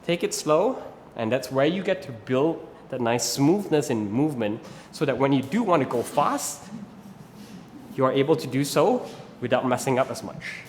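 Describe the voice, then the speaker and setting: Recorded in a large hall with slight background noise, a man's expressive, darkish, medium-pitched voice moves at normal speed. He's a thirtysomething rope flow instructor from Malaysia with a Malaysian English accent, patiently explaining in an instructional video and often checking in with "right?".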